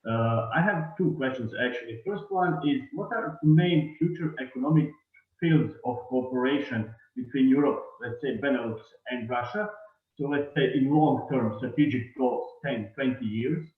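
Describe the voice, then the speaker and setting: A man's voice: mid-range voice, moderate pace. A man from Croatia with a Croatian accent, asking formal questions as an audience member. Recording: tinny, echoey call from far off mic.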